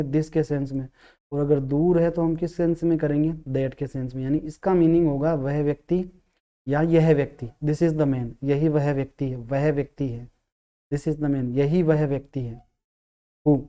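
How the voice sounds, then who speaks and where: A man's voice: fairly high pitch, steady tone, dark tone. Man explaining grammar with rhetorical questions. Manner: sounds out syllables slowly. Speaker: English teacher. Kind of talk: grammar lesson.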